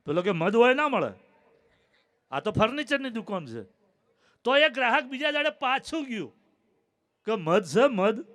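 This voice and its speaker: High-voiced comedian joking on stage. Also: male voice, sing-song, moderate pace, long pauses, fairly bright tone. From Gujarat. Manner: chatty, acts out both sides of each joke's dialogue. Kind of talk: stand-up jokes at a folk stage show. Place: stage at a late-night live event.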